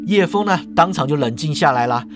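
A man narrating a comic story in a lively, chatty way, stretching his sentence particles. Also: a little high, brisk, over music.

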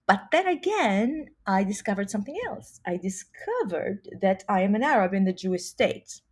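An Israeli singer, a woman, chats casually as an interview guest, animated and quick to laugh, often restarting her sentences. Her voice is husky and medium in pitch, and she talks at a normal speed.

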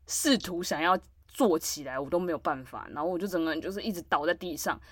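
A woman's voice: fairly low pitch, expressive, fast talker, slightly rough, no room sound. Podcast co-host, woman, dry close sound, loose rambling storyteller. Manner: rambling storytelling with many fillers. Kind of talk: casual chat.

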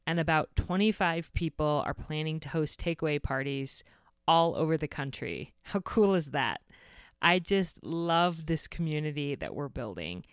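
A woman's voice: deep voice, expressive, moderate pace, smooth, no room sound, studio quality. A woman hosting a podcast, reading a scripted introduction. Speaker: podcast host.

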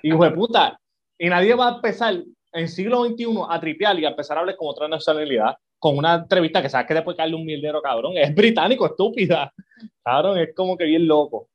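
A man's voice: a little high, fast, dull audio. A man co-hosting a podcast, telling stories with lots of swearing. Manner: profane, animated storytelling. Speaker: podcast co-host. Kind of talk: casual chat.

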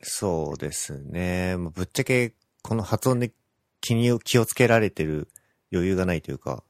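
A man's voice: low-pitched, expressive, normal speed. A man in casual talk who asks curious questions. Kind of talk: casual chat.

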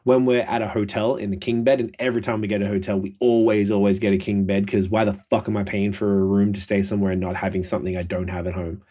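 A man's voice: on the low side, little pitch movement, fast talker, hardly any pauses, warm tone. A man hosting a casual podcast, talking in slang and swearing freely. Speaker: podcast host. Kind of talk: casual profane podcast chat.

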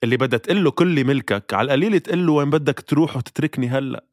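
A man's voice: mid-range voice, rapid-fire, no echo, studio quality. A man with a Levantine Arabic accent, chatting casually as a podcast co-host. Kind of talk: casual chat.

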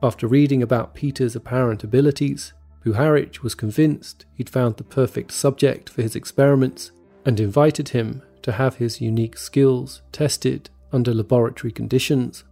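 A man narrating a scripted true story in a measured, even storytelling manner. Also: mid-range voice, creaky. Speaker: podcast narrator. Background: faint background music.

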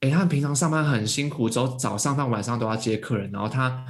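A podcast guest tells a story in casual conversation, his mid-range voice moving at a quick pace. He's full of fillers and restarts, and he acts out the quoted voices of his parents along the way.

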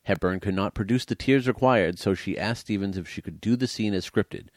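A man's voice: fairly low pitch, fairly quick, no room sound. A man co-hosting a casual movie chat, dryly teasing his co-host and reading out trivia. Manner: dry, teasing, reads trivia aloud. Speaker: podcast co-host.

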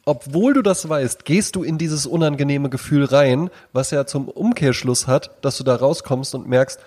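A man's voice: medium pitch, moderate pace, a little mellow. A man co-hosting a casual podcast, musing reflectively and often adding tag questions. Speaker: podcast co-host. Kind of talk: casual chat.

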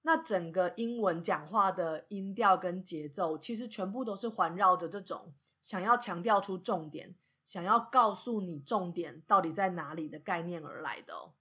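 A woman explains English pronunciation in a podcast lesson. Her voice sits slightly low and has a husky, breathy grain. She lays out each point patiently and in order. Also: normal speed, few pauses, bright, forceful tone. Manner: patient, methodical explaining, starts sentences with "那".

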